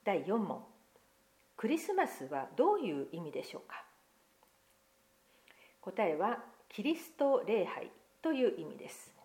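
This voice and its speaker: Leading a children's talk at church, a woman asks Bible quiz questions and then reads a picture book aloud, telling the story gently and expressively with character voices. Her pitch is medium, her pace a little slow, with long pauses.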